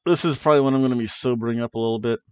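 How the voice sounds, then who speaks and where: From a small room at home, a middle-aged man on a headset mic reviews wrestling and chats casual predictions to camera, humming dramatic tunes and playfully rolling R's on wrestler names. He races along in a mid-range, darkish, clear, resonant voice with fairly even intonation. The recording is dull, lo-fi, dry, and free of room sound.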